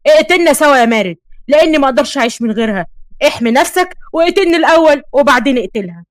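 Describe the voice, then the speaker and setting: A woman's voice: high-pitched, lively intonation, racing, no echo, studio quality. A woman with an Egyptian accent voicing a young man in love who pleads and despairs, in a storybook reading. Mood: pleading. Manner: pleading, desperate.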